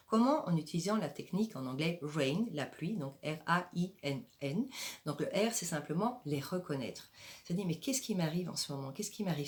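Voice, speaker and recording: Expressive French woman coaching viewers. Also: deep voice. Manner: expressive, many hesitations. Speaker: happiness coach. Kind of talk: motivational talk to camera.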